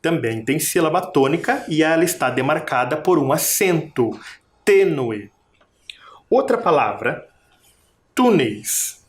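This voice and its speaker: A sing-song, medium-pitched voice moves a little slowly as this primary school teacher records a video lesson. She patiently draws words out syllable by syllable and keeps asking the class questions.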